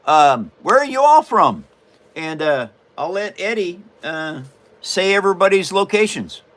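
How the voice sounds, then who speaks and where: A man's voice: sits high, sing-song, measured pace, a bit bright. A man from Washington State hosting a casual livestream while he builds a paper model, folksy and rambling with frequent chuckles. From Washington State, USA.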